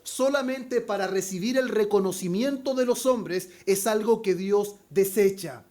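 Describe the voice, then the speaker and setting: A pastor preaching an expository sermon, calling his listeners brothers and slowing down with added force when he quotes scripture. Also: high voice, a little mellow. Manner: slows down and rises in volume on scripture quotes.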